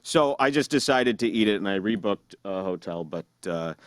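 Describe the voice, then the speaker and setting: A man hosting a podcast, telling stories in casual chat and jumping high in pitch when he mimics other people. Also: animated, normal speed, no room sound, studio quality. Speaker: podcast host.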